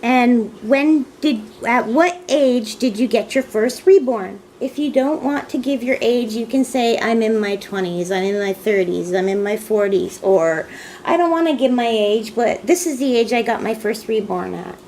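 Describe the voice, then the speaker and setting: A woman in her thirties from Canada, chatting casually as she answers a video tag, soft-spoken and rambling. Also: fairly high pitch, normal speed, a little hiss or hum, poor audio. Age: 30s. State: tired. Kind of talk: casual chat.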